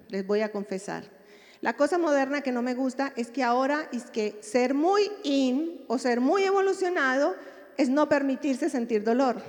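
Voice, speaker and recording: A woman's voice: sits high, darkish tone, long reverb tail. A woman psychologist giving a public lecture on grief, speaking expressively and checking in with her audience through rhetorical questions.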